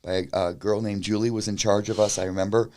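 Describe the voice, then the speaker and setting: Middle-aged man, lowish voice, animated storyteller who keeps restarting his sentences. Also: quick pace, a little hiss or hum. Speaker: musician guest. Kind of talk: storytelling interview.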